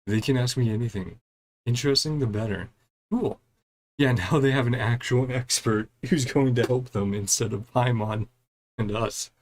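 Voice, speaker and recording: At a moderate pace and medium pitch, a man streams his way through a story quest. He reads the dialogue aloud casually and chattily, murmuring brief reactions between lines.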